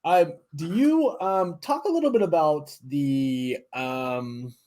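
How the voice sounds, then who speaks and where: A man's voice: on the high side, slow pace, a little mellow. A man hosting a casual podcast, chatty and self-deprecating, asking loose, wandering questions. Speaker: podcast host. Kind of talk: casual interview chat.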